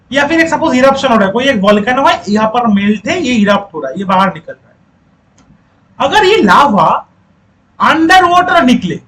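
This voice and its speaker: Male teacher, lecture, very high-pitched, repeats points, quizzes students, urges class to talk. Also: sharp tone, a little hiss or hum, low-quality recording. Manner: coaxing students to speak up.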